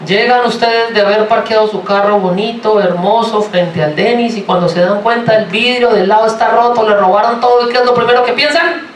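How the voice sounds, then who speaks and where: A man from Colombia with a Colombian accent, preaching a sermon in a lively, joking way and asking the congregation many rhetorical questions. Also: high voice, fairly quick, slight background noise. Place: church sanctuary. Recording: roomy, from far off, faint ambience.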